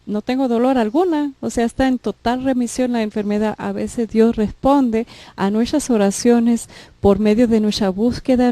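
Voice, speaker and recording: Warm-toned woman hosting faith TV. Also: a little high, no room sound. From Mexico. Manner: earnest, inviting viewers to call in. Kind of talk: faith talk show and prayer appeal.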